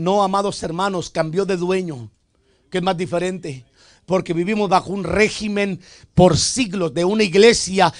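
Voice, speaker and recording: A man with a high voice preaches from a church pulpit. He shifts between fervent, loud declarations and soft, joking asides, and keeps addressing the congregation as his brothers. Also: dry recording, clean studio sound. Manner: calls out "hermano" to the congregation. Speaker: pastor. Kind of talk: Spanish sermon. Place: church sanctuary.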